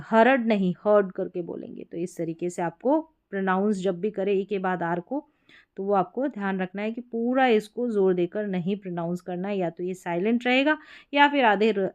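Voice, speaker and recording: A woman teaching English spelling and pronunciation rules, patiently repeating each word slowly and asking her learners questions as she goes. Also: medium pitch, darkish tone, lo-fi sound. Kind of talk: explaining spelling rules from a board.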